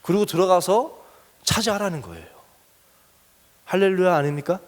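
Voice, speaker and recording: A man's voice: sing-song, normal speed, in a large hall. A man preaching a sermon as pastor, earnestly questioning his congregation and building in force as he urges them on. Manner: earnest, asks the congregation questions, rises in pitch and force when urging.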